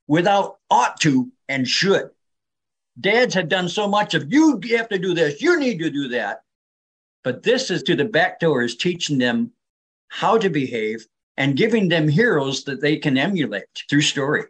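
A man's voice: fairly high pitch, fairly bright tone, husky. An older man speaking as an interview guest, explaining things in an earnest, persuasive way. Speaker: interview guest, reading advocate.

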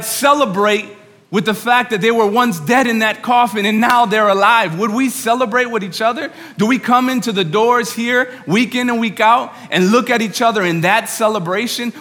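A man preaching earnestly and excitedly to a congregation, often repeating and rephrasing himself. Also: sits high. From New York. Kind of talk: sermon to a congregation. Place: large room, speaking to an audience. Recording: reverberant hall sound.

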